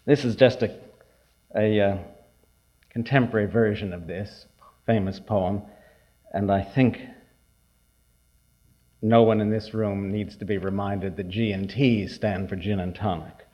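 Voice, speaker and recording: A poet giving a reading, heard through an old archival recording, unhurried and pausing with hesitant asides. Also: male voice, on the low side, steady tone, warm tone. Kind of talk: poetry reading with remarks. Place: reading hall with an audience. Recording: dull lo-fi archival tape.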